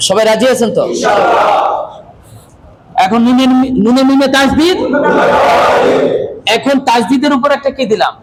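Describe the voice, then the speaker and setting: A man teaches a classroom lesson, calling out questions and repeating answers to keep his students on track. He is recorded in a classroom with clear noise in the background. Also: extremely high pitch, unhurried, pauses often, over a noisy crowd. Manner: loud, drilling questions at the class, often calling out. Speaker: Quran teacher.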